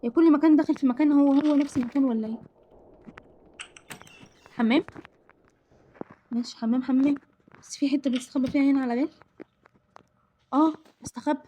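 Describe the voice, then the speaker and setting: An excitable woman with an Egyptian accent plays a horror game and talks through every scare. Her voice sits high and her words tumble out very fast. She sounds jumpy and breathless with nerves. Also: a little hiss or hum. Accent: Egyptian Arabic. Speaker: gaming channel host. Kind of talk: horror game let's-play commentary.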